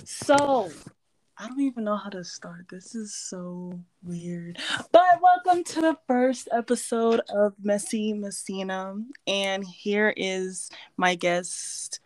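A woman's voice: mid-range voice, slow pace, darkish tone. A young woman hosting a casual podcast chat, laid-back and giggly with many fillers. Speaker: podcast host.

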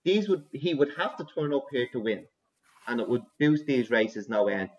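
A man's voice: medium pitch, animated, moderate pace. A man giving rambling, opinionated racing tips in a casual podcast chat. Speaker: racing tipster. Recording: dull lo-fi sound.

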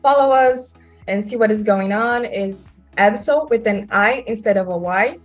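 Brazilian woman filmmaker, mid-pitched, over music. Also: a little slow. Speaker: guest filmmaker. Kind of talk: conversational interview answers.

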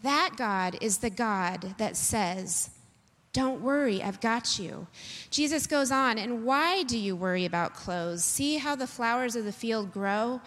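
A woman preaching a sermon to a congregation, talking in a conversational, animated storytelling way. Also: fairly high pitch, a little slow, few pauses. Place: church sanctuary. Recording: long hall reverb.

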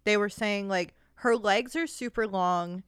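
A young woman in casual chat, talking quickly in loose, laughing stretches full of "like". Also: mid-range voice, a bit bright, clear, resonant tone, no echo, studio quality. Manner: chatty, laughing, lots of "like".

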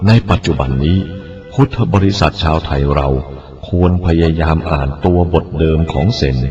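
Male monk, very low voice, measured Buddhist reading, faint music under a muffled recording. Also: a little mellow. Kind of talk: reading a written Buddhist teaching aloud.

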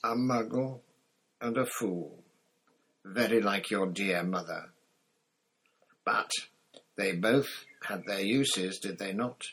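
A man doing a cold, mocking dark wizard out of a storybook, low-pitched and husky. He hisses softly and draws out his words, then lifts into sharper, louder taunts. The menace stays quiet and controlled. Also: takes it slowly, pauses often, full character voice, poor audio. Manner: soft, hissing menace with sudden rises. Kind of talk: audiobook character voice.

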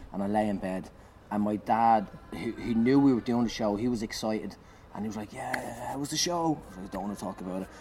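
A male comedian telling an animated, profanity-laced story in casual chat, laughing as he goes. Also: fairly low pitch. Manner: animated, swears freely, laughs through his story. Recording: clear background noise.

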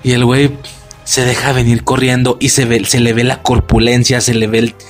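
A young man with a Mexican accent, excitedly retelling a story in slangy, profane casual talk and acting out his own shocked reactions. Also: mid-range voice, normal speed, faint music behind. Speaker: vlogger.

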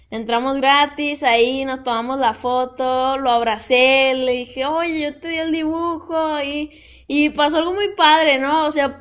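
A young adult woman with a Mexican accent and a high voice tells a personal story. She talks casually and animatedly, peppering her sentences with fillers and tag questions. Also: fairly bright tone.

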